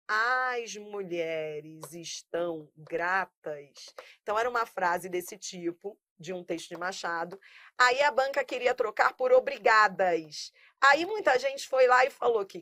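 A Brazilian woman teaching a lively Portuguese grammar class, emphatic and drilling students with repeated examples. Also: a little high, dry recording, studio quality.

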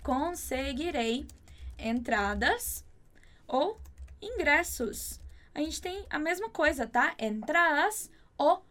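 Casting: high-pitched Portuguese-speaking woman as a Spanish tutor, slow drilled phrases, chatty asides. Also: very animated, fairly bright tone. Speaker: Spanish teacher. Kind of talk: language lesson with drills.

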